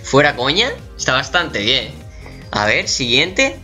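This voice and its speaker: A man with a Spain Spanish accent giving casual reaction commentary as a gaming YouTuber, animated and swearing, squealing in mock shock. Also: medium pitch, takes it slowly, soft background music.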